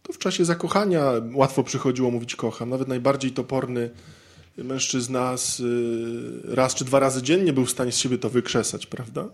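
A man's voice: medium pitch, moderate pace. A man giving an informal, humorous talk to an audience of men, chatty and constantly adding little tag questions as he acts out everyday scenes. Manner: conversational, peppers sentences with tag questions. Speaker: speaker addressing men about marriage.

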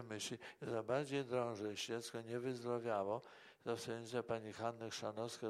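Creaky-voiced monk, rambling. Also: male voice, on the low side. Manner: rambling, tags remarks with "prawda?". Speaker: monk and priest. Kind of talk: conversational interview answers.

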